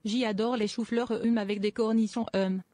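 A synthetic female text-to-speech voice reading out viewer messages in a flat, even way. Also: on the high side, moderate pace, noisy background.

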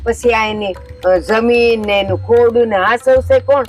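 A woman's voice: on the high side, measured pace, faint music behind. An older woman, acting as a scheming, scolding mother-in-law in a village family drama. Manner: scolding, domineering.

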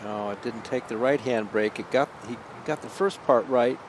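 A man's voice: medium pitch, moderate pace. Conversational male golf commentator, noisy outdoor backdrop. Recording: clear outdoor course noise behind.

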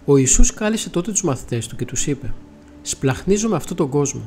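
A man reading scripture aloud in a steady, measured way. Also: a little high, slight background noise. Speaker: Bible reader.

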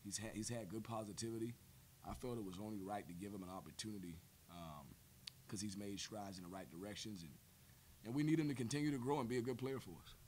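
A man in his forties answers reporters after a game, seated at a table mic in a press room. His voice sits on the low side, and he talks in measured phrases, repeating words and leaning on fillers. A faint rumble runs underneath. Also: a little mellow. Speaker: head basketball coach. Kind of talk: post-game press conference. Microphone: table mic on stand.

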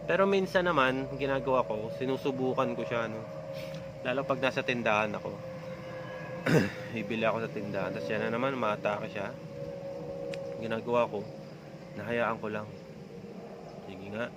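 A man's voice: medium pitch, moderate pace, pauses often, noisy background. Man, rambling casual vlog talk. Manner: rambling, frequent filler tags. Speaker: vlogger.

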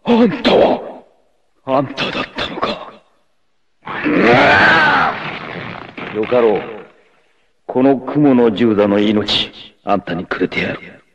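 A male actor playing a battered, defiant free-spirited warrior in a 1980s anime, cocky, rough-spoken and theatrical, with a gravelly, strained voice. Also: on the low side, lively intonation, measured pace, no room sound, muffled recording. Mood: quiet resignation. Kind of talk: dramatic 1980s anime acting. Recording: noisy old anime soundtrack clips.

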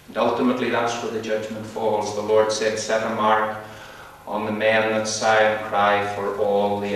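Fervent preacher in echoey hall. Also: male voice, on the low side, fairly bright tone, slight background noise. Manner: fervent pulpit preaching, repetitive, biblical phrasing. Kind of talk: sermon. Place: church meeting hall. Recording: echoey church hall, voice far from mic.

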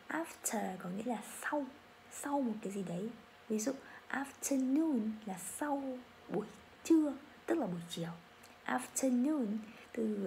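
Gravelly, mellow-voiced Vietnamese woman teaching. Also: mid-range voice, a little hiss or hum. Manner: slow, drawn-out model phrases for repetition. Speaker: English teacher. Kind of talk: pronunciation lesson.

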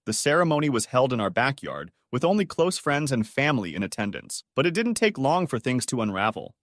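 A man narrating stories in a dramatic, scripted way. His pitch rises and falls a lot, and the sound is close and dry with no room in it. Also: big pitch swings, brisk, fairly bright tone, no room sound. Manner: dramatic storytelling. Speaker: storyteller.

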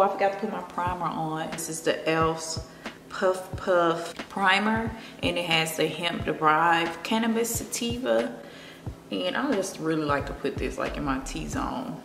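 Her voice is low and creaky, a Southern woman from Memphis talking her viewers through a get-ready-with-me makeup session. She's relaxed and confiding, slipping between makeup and personal stories, in an echoey plant-filled room at home with music behind.

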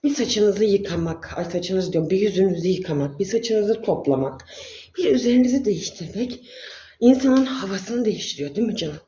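Chatty woman vlogger, mellow voice. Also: medium pitch, expressive, moderate pace, slight background noise. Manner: affectionate, keeps calling viewers dear. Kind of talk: casual chatty vlog.

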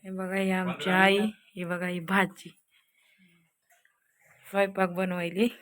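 A woman's voice: on the low side, flat delivery, slow, a bit bright. A woman vlogging her family's day in a village, chatting with viewers. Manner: chatty, talking to viewers while filming. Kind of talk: casual family vlog chat.

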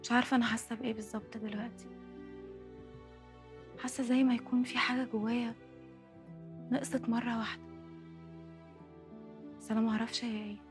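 A woman's voice: a little high, flat delivery, fast, long pauses, natural voice. Brief: actress as a hesitant, reflective Egyptian young woman over music. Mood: sad. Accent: Egyptian Arabic. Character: young woman quietly grieving her father.

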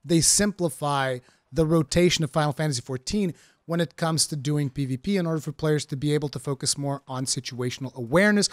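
Fairly quick and a little high, this Portuguese man's voice comes through clean studio sound with no echo. A gaming streamer with an American-sounding English accent, he offers casual review commentary on his first impressions of a game, full of fillers.

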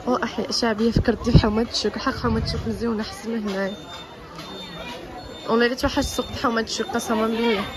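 A woman's voice: a little high, fairly even intonation, racing, crowd noise. A woman in her twenties with a Moroccan Arabic accent, chatting casually into a phone held at arm's length while vlogging outdoors. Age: 20s. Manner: chatty, switching into English phrases. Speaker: travel vlogger. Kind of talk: casual vlog narration. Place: campsite and street market outdoors in China. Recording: loud background music.

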